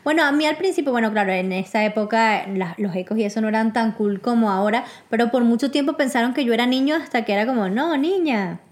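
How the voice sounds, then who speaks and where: Young woman, fairly high voice, casual chat, eager, restarts sentences. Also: fast, hardly any pauses. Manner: chatty, restarts often, mixes in English words.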